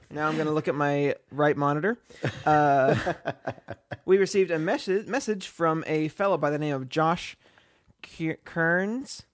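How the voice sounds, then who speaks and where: A man's voice: on the high side, slow, long pauses, no echo, studio quality. A young man co-hosting a writing podcast, talking casually with a self-deprecating, rambling manner. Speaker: podcast co-host.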